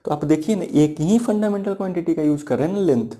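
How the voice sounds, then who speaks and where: Man, physics teacher, classroom lecture, mellow tone, repetitive rhetorical questions. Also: a little high, quick pace. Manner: explains step by step, repeating key points and asking rhetorical questions.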